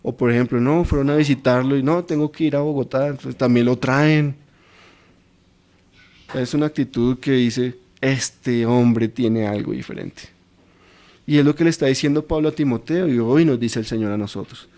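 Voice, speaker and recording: A man's voice: mid-range voice, normal speed, a little mellow. A man teaching a Bible study in an informal, anecdotal way, acting out everyday quotes.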